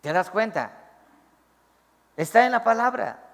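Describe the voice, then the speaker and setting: A man's voice: high-pitched, expressive, unhurried, vocal fry, in a large hall, highs cut off. A man preaching a sermon as pastor, acting out pleading prayers in a raised voice.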